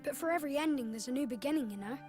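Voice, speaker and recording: A high, youthful boy's voice acted by a woman from a video game, with music clearly behind it. He is gentle and curious, and offers reassurance with earnest, philosophical wisdom beyond his years. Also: very fast, natural voice. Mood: gently reassuring. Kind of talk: video game cutscene acting.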